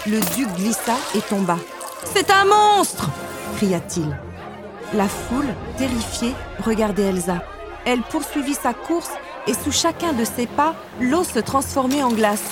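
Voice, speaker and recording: A woman narrating a storybook in a steady, expressive read-aloud style. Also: on the high side. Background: music.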